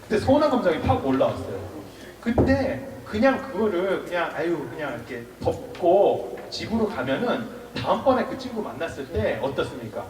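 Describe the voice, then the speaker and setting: A man in his forties, a monk giving a public lecture, lively and quizzing the audience, with acted-out dialogue. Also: sits high, background noise. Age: 40s. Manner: lively, asks the audience questions, acts out quoted dialogue. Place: temple lecture hall with audience. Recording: echoey hall, mic from far off, audience around.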